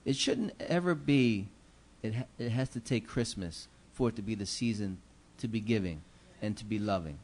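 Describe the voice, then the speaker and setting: A middle-aged city commissioner with a lowish, darkish voice speaks at a moderate pace with few pauses. Seated at the council chamber dais, he gives earnest, preacherly holiday remarks laced with fillers into a gooseneck desk microphone.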